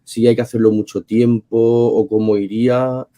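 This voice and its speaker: Dark-voiced man asking rambling questions. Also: mid-range voice, level tone, moderate pace. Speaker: podcast host. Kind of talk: casual podcast chat.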